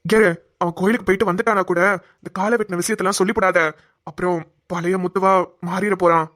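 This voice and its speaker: A woman voicing an injured village husband lying in a hospital bed in a Tamil cartoon, speaking gently and affectionately. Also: fairly low pitch, steady tone, fast, lightly acted. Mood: tender.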